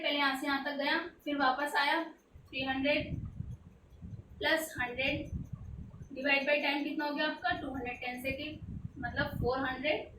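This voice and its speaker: A high-voiced woman walks through a physics problem, posing questions and answering them herself, with English terms mixed into her Hindi. She sits back from the mic in an echoey room, with faint noise behind her. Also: distant mic. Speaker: tutor. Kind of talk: explaining a textbook physics problem.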